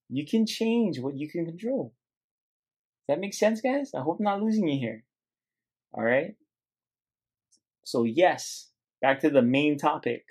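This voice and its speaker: A man's voice: medium pitch, husky. A man hosting a motivational podcast alone, talking earnestly and loosely to his listeners, circling back and restarting his thoughts. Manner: earnest, rambling, addresses listeners as guys. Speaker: podcast host.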